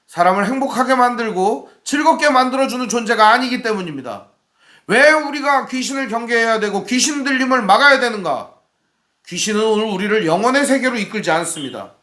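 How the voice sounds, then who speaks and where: A man preaching a sermon as pastor in a church, asking the congregation questions and acting out the shouts he quotes. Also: very high-pitched, roomy sound.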